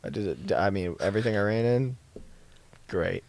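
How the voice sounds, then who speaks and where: A young man hosting a vlog, worn out and shivering after a night run, talking excitedly and laughing between tired remarks. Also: lowish voice, normal speed, vocal fry. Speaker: podcast host. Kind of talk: casual vlog chat.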